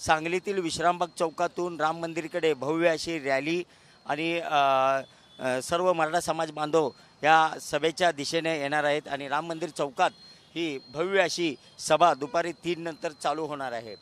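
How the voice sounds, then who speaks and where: A man reporting live from an outdoor town square, steady with brief hesitations. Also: a little high, moderate pace. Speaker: field reporter. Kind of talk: live news report from the scene.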